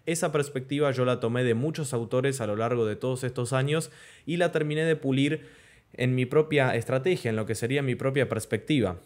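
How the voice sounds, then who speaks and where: A man's voice: mid-range voice, darkish tone. Young man teaching chart trading. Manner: explanatory, checks in with "¿ok?" and "¿de acuerdo?"; slows down to stress key terms. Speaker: crypto trading instructor. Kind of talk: screen-share chart tutorial. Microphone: webcam in corner of screen recording.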